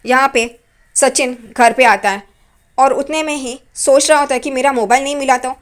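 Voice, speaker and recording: High-voiced woman casually retelling a serial. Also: steady tone, normal speed. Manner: chatty, loose storytelling with repeated "here" fillers. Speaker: serial recap narrator.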